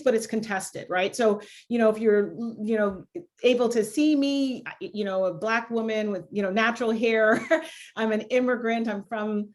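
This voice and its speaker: A woman's voice: a little high, darkish tone. A woman born in Jamaica and raised in Canada, a law school dean answering on a video panel in a reflective, candid way with many "you know" fillers.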